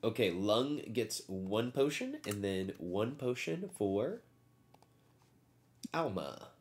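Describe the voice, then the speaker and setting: A man's voice: fairly low pitch, animated, takes it slowly, slight background noise. A man acting as game master, narrating a tabletop game and reading out rules.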